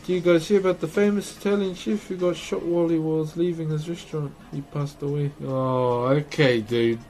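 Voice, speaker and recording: A man's voice: a little high, steady tone, fairly quick, darkish tone. Matey man with a broad Kiwi accent. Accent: broad New Zealand. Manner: laid-back, slangy, matey, readily amused. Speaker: livestream host. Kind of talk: casual livestream chat while working.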